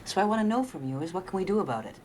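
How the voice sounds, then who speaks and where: A woman's voice: mid-range voice, sing-song, darkish tone, slight background noise, close to an everyday voice. An actress playing a fiery young female garment worker who speaks up against mistreatment. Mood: indignant. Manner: spirited, indignant, quick.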